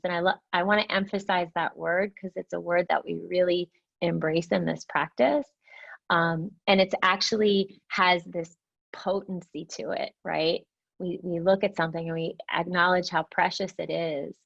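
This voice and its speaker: A woman leads a mindfulness class in a low, gravelly voice. She speaks gently and reflectively, often checking in with "right?". The sound is dull and lo-fi, like a video call. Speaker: meditation teacher.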